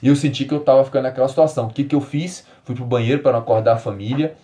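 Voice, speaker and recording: A man in his forties from Brazil, hosting a solo health podcast and explaining ideas with emphatic repetition, then easing into calm, soft phrasing. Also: mid-range voice, very fast. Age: 40s. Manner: animated, emphatic, repeats key words, drops to calm soft tones. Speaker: podcast host.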